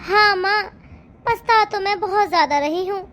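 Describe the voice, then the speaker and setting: A woman's voice: very high voice, moderate pace, a bit bright. A woman playing a young daughter-in-law who answers back and complains about her mother-in-law. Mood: defiant.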